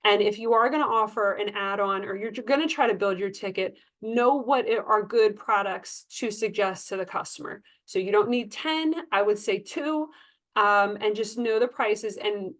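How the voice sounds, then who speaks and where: In a medium-pitched, somewhat bright voice, a sales trainer coaches her staff through tips during an informal session. She's emphatic yet conversational, acting out sample exchanges to show what she means.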